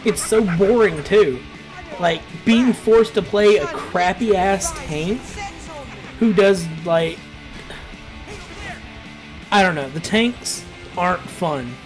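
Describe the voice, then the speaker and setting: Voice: mid-range voice, lively intonation, slow, pauses often, faint music behind. A gameplay commentator talking casually over a match, rambling and ranting with plenty of filler words. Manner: rambling, ranty, laid-back with filler words.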